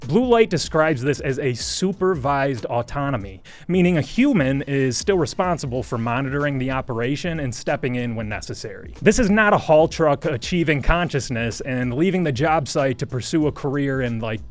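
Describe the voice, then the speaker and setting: A man's voice: mid-range voice, lively intonation, normal speed, few pauses. A man hosting a scripted news commentary show, explaining a legal story in a wry, joking manner with sponsor plugs. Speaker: host.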